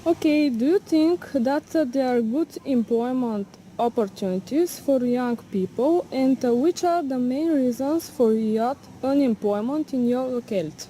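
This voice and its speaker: A woman's voice: sits high, unhurried, few pauses, dark tone, a little hiss or hum, low-quality recording. A woman interviewer reading out her questions, with the odd filler.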